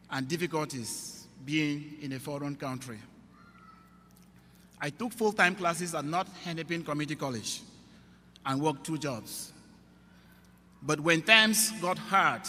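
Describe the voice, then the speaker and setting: A young man from Cameroon, a student trustee, giving a formal commencement speech in measured, earnest phrases at a podium microphone in a large auditorium. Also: on the high side, sharp tone, a little hiss or hum. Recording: long reverb of a large hall.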